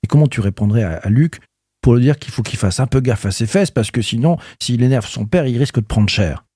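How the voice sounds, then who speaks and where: An enthusiastic male podcast host chats casually and stops often to search for words. His voice is mellow and rather dark, and the sound is dry and close. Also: medium pitch, brisk, breathy edge, no room sound. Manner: enthusiastic, lively, hesitant with fillers.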